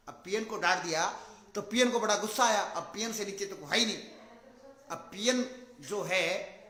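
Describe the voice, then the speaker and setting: A man giving a motivational talk, telling a story dramatically and acting out its shouting characters, swinging between loud and soft. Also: high-pitched, roomy sound. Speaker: motivational speaker for a business network. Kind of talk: motivational talk with acted anecdotes.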